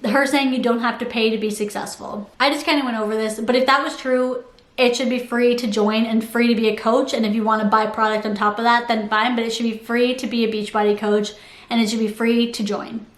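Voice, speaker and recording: A woman's voice: on the high side, level tone, brisk. A woman giving casual, critical commentary, informally arguing her case point by point as a video host. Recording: roomy, echoey sound.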